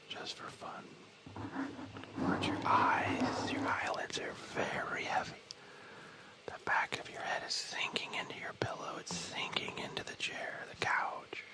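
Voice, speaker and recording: A man whispering as an ASMR host, leading a guided body scan with soft, soothing instructions and the odd casual aside.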